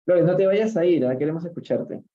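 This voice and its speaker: A man's voice: fairly high pitch, warm tone, lo-fi sound. A man with a Peruvian Spanish accent teaching an English reading lesson on a live stream, drawing out phrases and calling on viewers by name. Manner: slow, drawn-out model readings of English phrases; addresses chat viewers by name, asks questions. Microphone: live stream phone or computer mic.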